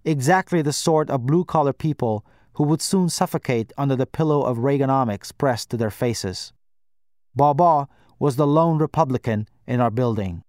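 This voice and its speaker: A man narrating a first-person audiobook in a measured, wry storytelling manner. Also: mid-range voice, darkish tone, no room sound, studio quality.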